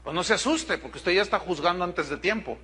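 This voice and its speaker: Animated pastor preaching. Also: male voice, sits high, quick pace, breathy edge. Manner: direct, storytelling with quoted dialogue. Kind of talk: sermon.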